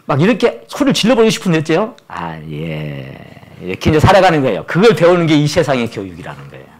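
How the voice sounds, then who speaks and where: A man in his sixties preaching a Sunday sermon at a church service, telling stories and acting out the voices of the people in them. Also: sits high. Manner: animated storytelling, acts out quoted voices. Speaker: pastor.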